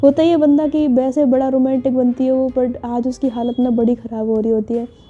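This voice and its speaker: A woman's voice: high-pitched, little pitch movement, fairly quick, breathy edge. Chatty woman telling a romance story. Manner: chatty, filler-heavy, self-correcting. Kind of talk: casual storytelling narration. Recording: dull lo-fi recording with faint music. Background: faint background music.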